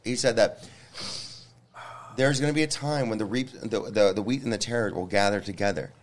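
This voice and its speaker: A man's voice: fairly low pitch, moderate pace. A man hosting a group discussion in a fervent revival preaching style, repeating words and phrases for emphasis. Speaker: preacher and panel host.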